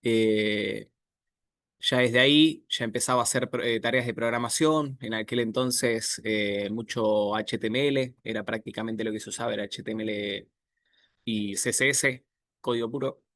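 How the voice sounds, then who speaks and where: A man in his thirties from Argentina with an Argentine accent, giving a relaxed online presentation over a video call with many filler pauses. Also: on the low side, dry recording, clean studio sound. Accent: Argentine Spanish. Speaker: guest speaker, software architect.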